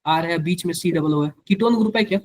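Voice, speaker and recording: High-voiced Hindi-accented chemistry teacher drilling a class. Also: male voice, fast talker. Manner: keeps quizzing students with repeated questions; repeats each answer to drill it in. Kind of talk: live classroom lecture.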